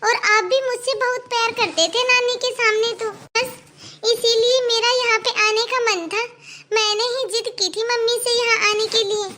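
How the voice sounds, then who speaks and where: Cartoon little girl, earnest and outspoken, really high bright voice, a woman voicing her. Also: fairly even intonation, normal speed. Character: outspoken young girl, loyal to her mother. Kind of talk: cartoon voice acting.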